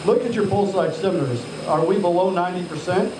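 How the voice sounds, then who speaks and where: A high-pitched man talking a little fast runs live hands-on training in an altitude chamber, directing trainees, questioning them as he checks on them and calling them sir. The recording is echoey from a distant mic, with loud machinery humming.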